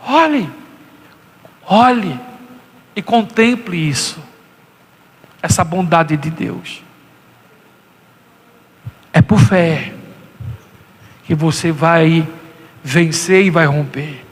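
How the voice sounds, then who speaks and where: A Brazilian man preaching a sermon as pastor, impassioned and swinging into high, acted quotes. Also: very slow, pauses often, in a large hall.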